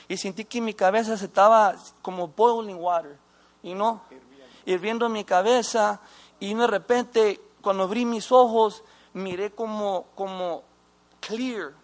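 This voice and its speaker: Sharing how his faith changed him after prison, a high-voiced man stumbles and starts over repeatedly. English phrases slip into his halting account.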